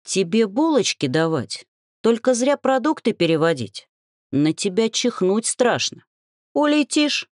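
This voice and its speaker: A woman's voice: mid-range voice, sing-song, unhurried, dry recording, clean studio sound, voice pushed up. A woman voicing a short, cocky half-gnome young man who bickers and lectures his friends in a storybook reading. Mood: teasing.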